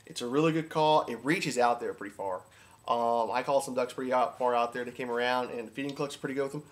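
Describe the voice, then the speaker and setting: In a very noisy recording, a man instructs listeners on duck calling at a quick pace. His mid-range voice carries a casual, informal, repetitive how-to talk marked by enthusiasm for the subject.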